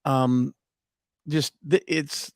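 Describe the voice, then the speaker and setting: Gravelly man telling a rambling story. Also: medium pitch, fairly even intonation, very slow, no room sound, clean studio sound. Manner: rambling storyteller with many fillers and restarts. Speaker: guest. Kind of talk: casual podcast chat.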